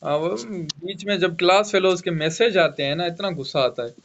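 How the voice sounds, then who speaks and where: Male teacher, high voice, unhurried delivery, spells words out, dull lo-fi online audio. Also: fairly bright tone, a little hiss or hum. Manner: spells words letter by letter, repeats "okay" often. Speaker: English teacher. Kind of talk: online vocabulary lesson.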